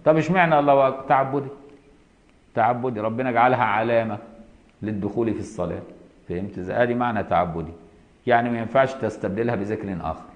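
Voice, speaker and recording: A man's voice: medium pitch, fast talker, muffled recording. Egyptian man teaching a classical text. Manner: reads a line then explains it in colloquial speech, often checking understanding. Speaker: Islamic law teacher. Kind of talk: explaining a classical text to students.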